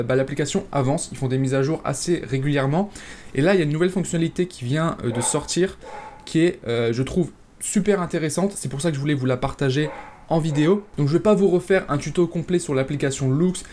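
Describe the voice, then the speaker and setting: A man's voice: on the high side, a little mellow, a little hiss or hum. A man hosting a casual screen-share tutorial, talking straight to viewers with frequent hesitations and fillers. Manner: chatty, many "euh" fillers, addresses viewers directly. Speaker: e-commerce tutorial host.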